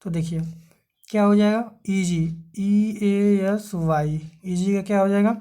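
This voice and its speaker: A woman's voice: mid-range voice, fairly even intonation, slow pace, dark tone. A woman giving an online exam-prep grammar lecture as a teacher. She keeps asking rhetorical questions and answering them herself, and spells words out letter by letter.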